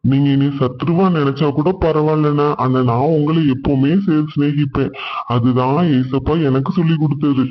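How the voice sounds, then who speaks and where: Man voicing a kind devout father in a cartoon, calm, reassuring, fairly high voice, dull lo-fi sound. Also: normal speed, close to an everyday voice. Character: gentle, devout poor father.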